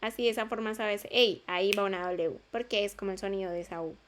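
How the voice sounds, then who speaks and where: A woman's voice: mid-range voice, quick pace, a little hiss or hum. A woman teaching an English class in Spanish, patiently repeating sounds and checking that students follow. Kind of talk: online class explanation.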